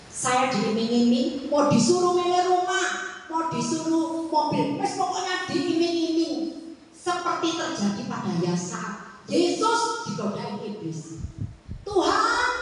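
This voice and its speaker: An older woman preaching a sermon with personal testimony at a prayer meeting, often calling to her listeners and swinging between loud and hushed passages. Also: on the high side, a little hiss or hum. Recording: echoey hall from far off.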